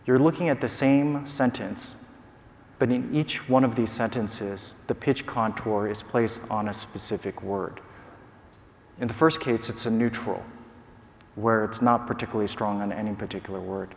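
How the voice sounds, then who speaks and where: A man giving a measured, explanatory academic lecture in a large conference hall, with occasional filler sounds. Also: fairly low pitch, fairly even intonation, vocal fry. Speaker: scientist giving a prize lecture.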